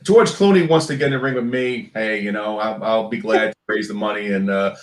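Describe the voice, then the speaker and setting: Low-voiced Brooklyn man, chatting casually. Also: brisk. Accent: Brooklyn New York. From Brooklyn, New York. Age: 50s. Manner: rambling, familiar, joking asides. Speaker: interview guest, sports figure. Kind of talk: casual interview chat, reminiscing. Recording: roomy, echoing sound.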